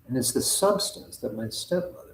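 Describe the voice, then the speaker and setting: A man hosting a live spiritual talk, speaking in an earnest, halting, rambling way. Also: medium pitch, animated, roomy sound, a little hiss or hum. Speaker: spiritual livestream host.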